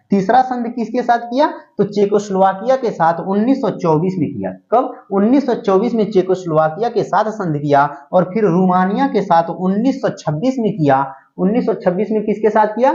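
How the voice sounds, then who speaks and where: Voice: medium pitch, darkish tone. A history teacher giving a lecture, asking rhetorical questions and answering them at once, repeating key phrases as they think aloud. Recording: dull lo-fi recording.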